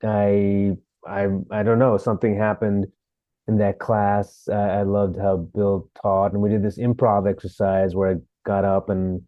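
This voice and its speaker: A man from Sri Lanka, an actor, telling his story as a podcast guest in a relaxed way, with fillers. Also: lowish voice, a little slow, dry recording, phone-quality sound. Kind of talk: interview.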